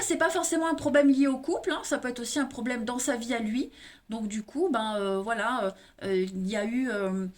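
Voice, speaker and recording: High-voiced woman with an eastern French accent. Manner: addresses viewers directly, frequent tag "hein". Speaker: tarot reader. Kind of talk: monthly tarot card reading.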